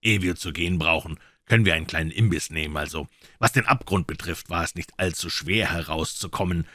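A man reading an audiobook and voicing a calm, sharp-witted male detective. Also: deep voice, a little fast, no room sound, studio quality. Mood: composed.

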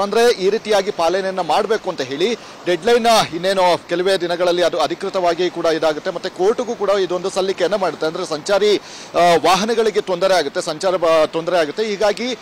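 A man reporting live outdoors beside a busy road, speaking haltingly with many fillers into a handheld mic. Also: high voice, slight background noise. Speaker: field reporter. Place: roadside outdoors by a mall.

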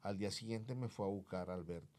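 Low-voiced man telling his story. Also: quick pace, warm tone. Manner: vivid storytelling, acting out remembered dialogue. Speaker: guest sharing his life story. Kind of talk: personal testimony in conversation.

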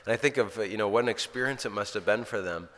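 Man, priest, low voice, earnest storytelling, long hall reverb. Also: quick pace, fairly bright tone. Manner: earnest, storytelling, often restarts sentences. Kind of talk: informal spiritual talk.

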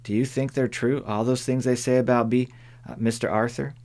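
A man voicing a young, stubborn tomboy girl in an audiobook, speaking bluntly in a raised pitch. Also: fairly even intonation, fairly quick, darkish tone, natural voice. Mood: earnest. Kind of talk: audiobook character voice.

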